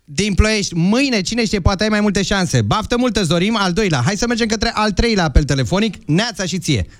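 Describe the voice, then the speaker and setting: A man's voice: high-pitched, lively intonation, soft background music. A man hosting a morning radio show, running a call-in game with playful banter and coaxing callers to speak up. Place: broadcast studio.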